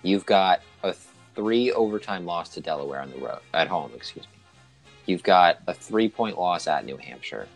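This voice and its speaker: A man's voice: sits low, animated, normal speed, soft background music, rough recording. A young man co-hosting a casual sports podcast, laid-back and dry, chuckling often. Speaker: podcast co-host.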